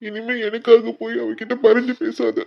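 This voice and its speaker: A woman's voice: fairly high pitch, level tone, normal speed, vocal fry, lo-fi sound, voice pushed up. A woman voicing an angry young male college student who pleads hotly for his mother's honour. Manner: heated, pleading.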